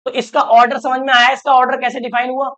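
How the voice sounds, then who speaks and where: A man's voice: extremely high pitch, completely flat delivery, fast, pushed and bright. A man giving an online math lecture, talking through each step and often asking students whether they follow. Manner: constantly checks if students follow, coaxing questions; talks through steps aloud, counting terms. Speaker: math teacher.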